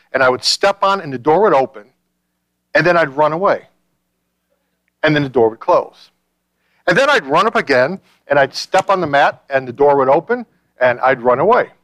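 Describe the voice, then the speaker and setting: A middle-aged man from Chicago, a pastor who prays and then preaches, telling stories in an animated way and repeating his phrases. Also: fairly high pitch, dry recording, rough recording. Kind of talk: sermon with prayer. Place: church.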